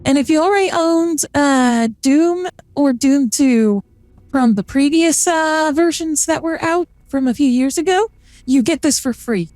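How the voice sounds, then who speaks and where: A VTuber streamer chats casually about gameplay through a voice changer that makes the voice sound feminine. The voice is high, unhurried and a little mellow, rambling along with many fillers.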